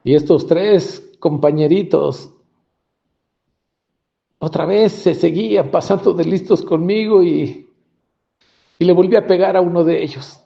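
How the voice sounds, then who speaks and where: A man's voice: sits high, unhurried, creaky, long pauses, warm tone. A man giving a personal testimony about his childhood and often acting out the dialogue. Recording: dull lo-fi recording.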